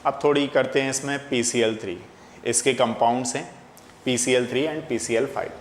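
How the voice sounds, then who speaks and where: A man gives a classroom chemistry lecture, steady and explanatory, often posing a question and answering it himself. His voice sits at an ordinary middle pitch. The room is echoey with a long reverb tail and a faint hiss behind him. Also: normal speed. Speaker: chemistry teacher.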